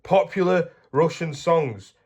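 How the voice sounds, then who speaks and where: A man's voice: fairly high pitch, slow pace, a little mellow. A man from England talking casually to camera in a vlog, rambling and correcting himself as he goes. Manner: rambling, chatty, self-correcting. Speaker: vlogger.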